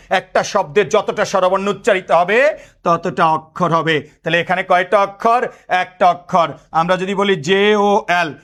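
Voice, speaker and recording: With a high-pitched, fairly bright voice, this thirtysomething man teaches exam prep by firing the same questions at students again and again, slipping English words into his speech.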